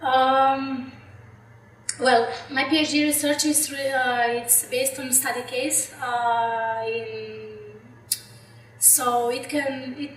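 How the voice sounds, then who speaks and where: Speaking slowly in a high voice with little pitch movement, a young PhD candidate with a Slovenian accent responds to interview questions in English, full of fillers and false starts. A little hiss or hum sits under the audio, recorded in an echoey room with a distant microphone.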